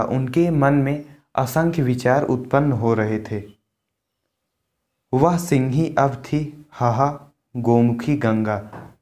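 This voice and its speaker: A man's voice: medium pitch, darkish tone. A male teacher giving a lesson that reads a line of poetry and then explains it in simple words. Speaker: Hindi literature teacher.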